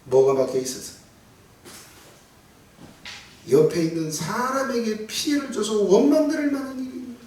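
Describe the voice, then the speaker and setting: A middle-aged male pastor preaching a Sunday evening sermon in a church sanctuary. His delivery is emphatic: he swells to near-shouts, then drops to hushed asides. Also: very high-pitched, animated, normal speed, pauses often. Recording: echoey hall from far off.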